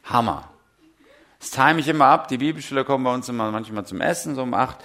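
Speaking quickly in a mid-range, somewhat bright voice, a middle-aged preacher shares humorous stories that poke fun at himself. He also puts questions straight to his congregation.

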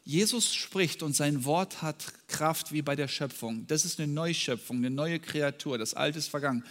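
German preacher guy, kinda high voice, gets loud then soft, long reverb from the hall. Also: normal speed. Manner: dramatic, swings from soft to loud when quoting scripture. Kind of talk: sermon.

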